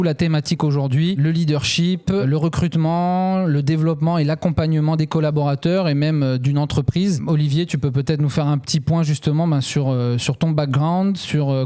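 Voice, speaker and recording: Man, podcast host, casual, many fillers, slightly high pitch. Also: mellow. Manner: frequent fillers, loose phrasing. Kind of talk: casual hosting.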